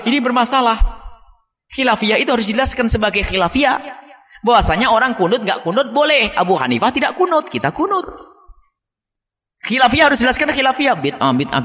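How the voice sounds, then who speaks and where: A man preaching a sermon to a gathering, animated, climbing to high emphatic peaks and then dropping into quiet asides. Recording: long hall reverb.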